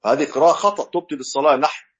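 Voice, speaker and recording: A man's voice: fairly high pitch, racing. A man teaching a religious lesson as a sheikh, explaining step by step and demonstrating correct recitation. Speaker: sheikh teaching a fiqh text.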